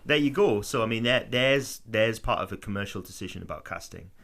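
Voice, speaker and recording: Rambling, swearing man with a low voice. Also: expressive, a little fast, creaky, crowd noise. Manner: rambling, swears freely, leans on "I mean". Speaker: podcast co-host. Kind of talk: casual podcast chat.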